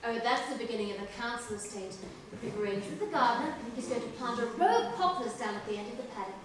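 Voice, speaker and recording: A woman's voice: fairly high pitch, fast, slight background noise, natural voice. An actress playing a refined, anxious upper-class mother, genteel and clipped, on stage. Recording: echoey stage from far off.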